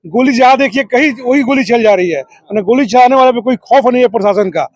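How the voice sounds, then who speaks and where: A man who serves as a district committee member and political activist responds like an orator, stacking lists and repeated phrases to make his case. His voice is very high-pitched yet darkish in tone, his delivery brisk, and the recording dry.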